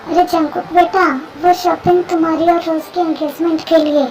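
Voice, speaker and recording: A high young voice doing a bossy doting mother. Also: little pitch movement, normal speed, dark tone, soft background music, low-quality recording. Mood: coaxing.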